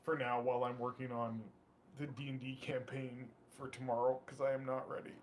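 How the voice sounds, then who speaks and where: A man's voice: mid-range voice, little pitch movement, a little fast, slight background noise. A man chatting casually on a home live stream, relaying viewer messages in an offhand, joking way. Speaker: co-host relaying chat messages. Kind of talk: casual chat. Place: home studio.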